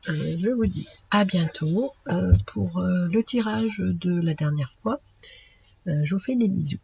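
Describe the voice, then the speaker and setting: Slow-talking woman with a gravelly voice. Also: fairly low pitch, mellow. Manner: unhurried, chatty, many fillers. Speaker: craft channel host. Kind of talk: casual haul video. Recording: lo-fi with audible background noise.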